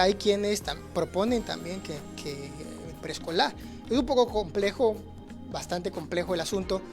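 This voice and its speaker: Earnest teacher explaining patiently. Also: male voice, high-pitched. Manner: earnest, explanatory, frequent "¿no?" tags and restarts. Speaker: teacher speaking on conflict resolution. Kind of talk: livestreamed talk answering audience questions.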